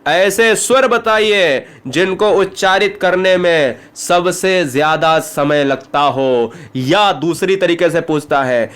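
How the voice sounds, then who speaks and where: A man with a Bihari Hindi accent teaching an exam-prep grammar lesson, speaking straight to his students and asking them quick rhetorical questions. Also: high voice, fairly bright tone, clean tone. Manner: addresses students directly, asks rhetorical questions.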